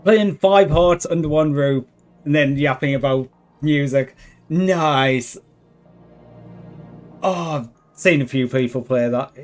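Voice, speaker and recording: Higher-pitched man chatting on a game stream. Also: slow, long pauses, darkish tone, soft background music. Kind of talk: casual livestream chat while gaming.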